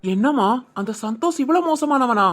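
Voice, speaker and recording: A voice actor playing a calm, protective older brother in an animated family drama, with a Tirunelveli Tamil accent. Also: high voice, normal speed.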